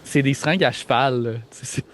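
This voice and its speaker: A man from Quebec with a Quebec French accent, narrating a tabletop game as game master in a lively, laughing way. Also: medium pitch, moderate pace, slight background noise.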